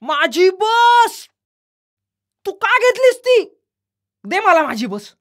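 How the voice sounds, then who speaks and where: A woman voicing a sulky, jealous little boy in a children's storybook reading, shouting and whiny. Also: very high-pitched, very animated, drawn-out words, pitched above the performer's own voice, exaggerated voice. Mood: angry, shouting.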